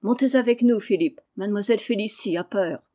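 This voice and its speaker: A sensible nursemaid in a storybook reading, calm and reassuring in a mellow, even voice, as a woman narrator puts her on. She speaks plainly and steadily to the frightened children. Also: mid-range voice, brisk, lightly acted. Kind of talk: audiobook character reading.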